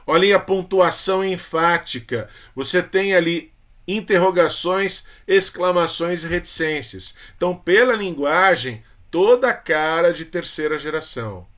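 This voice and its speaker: A man's voice: sits high, measured pace, fairly bright tone. A man with a Brazilian Portuguese accent teaching a literature lesson for exam prep, chatty and informal, with frequent tag questions and fond terms of address for his students.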